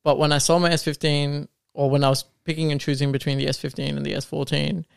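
Rambling Australian man, gravelly and smooth. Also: on the high side, level tone, fast, no echo, clean studio sound. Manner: rambling, many ums. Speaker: podcast host. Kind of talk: casual chat.

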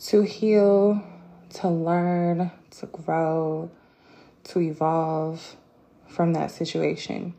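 A woman hosting her own podcast, talking casually and reflectively with many fillers and pauses, candid and personal. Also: on the low side, creaky, mellow. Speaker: podcast host. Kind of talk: casual solo podcast talk.

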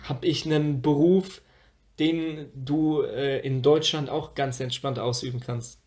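A young man playing a guessing game, excitable and slangy, exclaiming a lot. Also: mid-range voice, unhurried. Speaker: guessing player. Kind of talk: casual chat.

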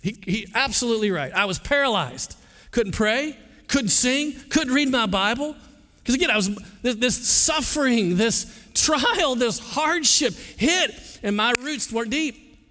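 A man's voice: very high-pitched, lively intonation, a little slow, bright, forceful tone. A male pastor preaching a sermon in an earnest, conversational way, often stumbling and restarting his words. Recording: long hall reverb.

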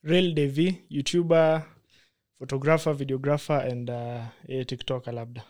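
A man's voice: mid-range voice, fairly even intonation, normal speed, darkish tone. A man with a Kenyan accent talking casually as a podcast guest, switching between English and Swahili slang. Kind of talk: casual chat.

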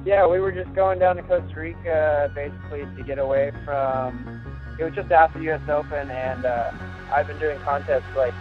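A young man in his twenties, from Virginia, rambling through a story over the phone. His voice sits a bit high for a man and comes through a thin, tinny telephone line. He talks loosely, full of "like" and restarts. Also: level tone, normal speed, faint music behind. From Virginia, USA. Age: 20s. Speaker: guest surfer telling a story. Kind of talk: casual storytelling.

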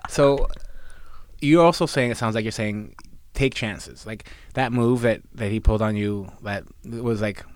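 A man's voice: on the low side, a little slow, no echo. A man in his forties, a podcast co-host, chatting casually with lots of fillers, restarts and swearing. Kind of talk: casual chat.

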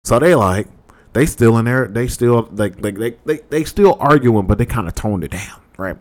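A young man telling a comedic story casually, animated and profane. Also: mid-range voice, normal speed. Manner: animated, profane, repeats "right?" and "bruh".

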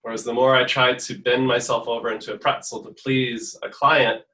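A man with a bright, forceful voice gives a guest's answers in an interview, earnest and reflective, restarting phrases as he works out his thoughts. The recording has a roomy echo around him. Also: mid-range voice, flat delivery, moderate pace, recorded from a distance. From born in the US, raised in Portugal from fifteen. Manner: earnest, thinks aloud with restarts. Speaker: musician guest.

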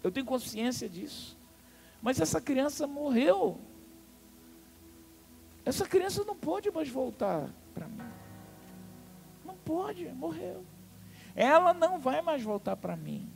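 A man's voice: very high-pitched, sing-song, takes it slowly, vocal fry, pauses often, soft background music, pitched above the performer's own voice, heavily acted. A man preaching voices an ancient king who speaks with earnest resolve about his dead son. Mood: grieving resolve. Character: grieving but steady ancient king, man.

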